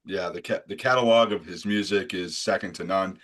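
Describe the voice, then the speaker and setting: A man's voice: low-pitched, fairly quick, fairly bright tone. A man hosting a casual sports podcast, blunt and profane, rambling with frequent restarts. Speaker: podcast host.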